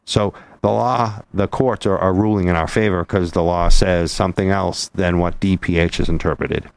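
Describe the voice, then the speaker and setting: Male radio co-host, lowish voice, dry studio sound, loose and joking. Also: vocal fry, clear, resonant tone, no echo. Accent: Boston. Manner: joking and teasing, fast and animated. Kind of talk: casual radio talk show chat.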